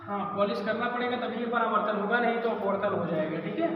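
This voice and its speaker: A man's voice: sits high, fast, a little hiss or hum. A male physics teacher giving a classroom lecture, asking the class questions and answering them himself. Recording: echoey distant lo-fi classroom recording.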